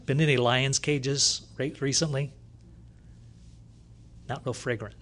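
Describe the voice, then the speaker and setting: A man preaching a sermon, retelling a scripture story with lively storytelling and loud bursts when he reads from the text. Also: medium pitch, unhurried. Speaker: pastor.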